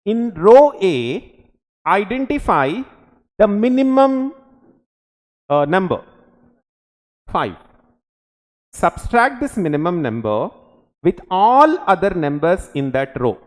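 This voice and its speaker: Slow-paced Telugu-accented man teaching, echoey room. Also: high-pitched, very animated. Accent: Telugu-accented Indian English. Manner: instructional, short clipped phrases with frequent check questions. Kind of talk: classroom lecture with short questions to students. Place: indoor teaching studio or classroom.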